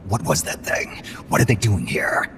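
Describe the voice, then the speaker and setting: A man voicing a gruff, guarded veteran soldier in a video game, terse and questioning, with a gravelly rasp. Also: low voice, very animated, normal speed, fairly bright tone, a little hiss or hum. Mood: suspicious, probing. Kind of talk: game voice acting, terse dialogue. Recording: long reverb, music behind.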